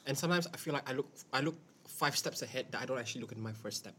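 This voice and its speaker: A young man chats casually on his podcast, talking fast and rambling with restarts. His voice sits at a middle pitch. Faint background noise hums under the headset mic. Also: bright, forceful tone. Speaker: podcast host. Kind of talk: casual chat. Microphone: borrowed headset mic.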